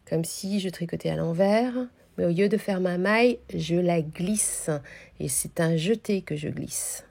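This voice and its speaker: A woman teaching a knitting technique, explaining each step calmly with frequent hesitations, her voice slightly nasal from a cold. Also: lowish voice, vocal fry. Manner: calm, hesitant explaining with many pauses. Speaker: knitting instructor. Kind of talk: knitting tutorial.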